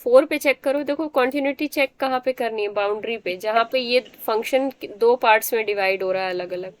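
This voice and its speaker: Higher-voiced woman teaching math. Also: brisk, clear, resonant tone. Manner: explains step by step, often checks understanding. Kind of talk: math lecture.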